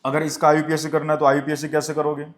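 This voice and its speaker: A male chemistry teacher lecturing a class, who asks questions and answers them himself and dictates definitions slowly. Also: a little high, monotone, reverberant.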